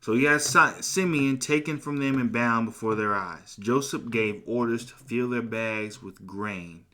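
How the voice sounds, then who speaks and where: A man hosting a podcast, retelling a Bible story in a casual, slangy, animated way. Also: medium pitch, unhurried. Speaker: podcast host.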